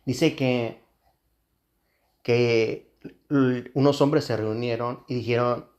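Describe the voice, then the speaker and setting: A man's voice: medium pitch, steady tone, slow pace, darkish tone. A man, a pastor, preaching a sermon in an earnest way, repeating phrases for emphasis.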